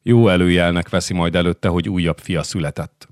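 A man voicing a composed noblewoman who speaks solemnly and measured, in an audiobook. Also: deep voice, steady tone, no room sound, clean studio sound, lightly acted. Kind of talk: audiobook character voice.

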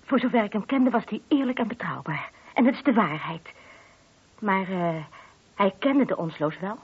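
In a Dutch radio drama, an actress with a mid-range, slightly rough voice speaks animatedly at a moderate pace. She plays a married woman who is a discreet but gossipy witness, hesitant, confiding and a bit defensive, and the recording is muffled, lo-fi old radio.

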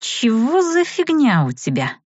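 A woman's voice: fairly high pitch, wildly swooping pitch, measured pace, darkish tone, husky, no room sound, pitched above the performer's own voice, heavily acted. A sleepy, blunt young roommate, voiced by a woman in an audiobook, yawning through her words in a raised voice. Recorded dry and slightly dull.

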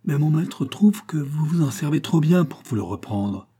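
A man voicing a calm, discreet male servant in livery. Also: on the high side, moderate pace, slightly rough, voice pushed up. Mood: composed.

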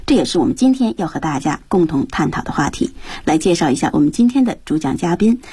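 A woman hosts an English lesson on the radio and steers it with questions. Her voice is fairly low and quite husky. Her tone is mellow and soft. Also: very animated, fast, no echo. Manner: guiding, asks questions and repeats words after the reader. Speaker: host.

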